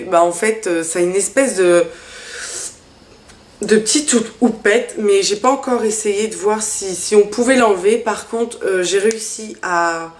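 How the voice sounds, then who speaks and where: A woman's voice: mid-range voice, reverberant. A woman vlogger chatting casually through a makeup haul, hesitant, with many fillers. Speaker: beauty vlogger.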